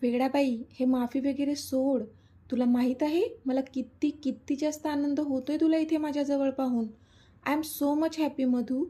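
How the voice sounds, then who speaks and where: A woman's voice: sits high, little pitch movement, a little slow, mellow. A woman voicing an affectionate, teasing young mother, coaxing and playful, in a storybook reading. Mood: tender.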